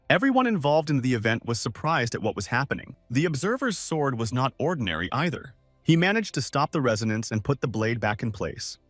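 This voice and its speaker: A man giving scripted story narration as a recap narrator, in an animated, swooping delivery. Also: medium pitch, dry recording.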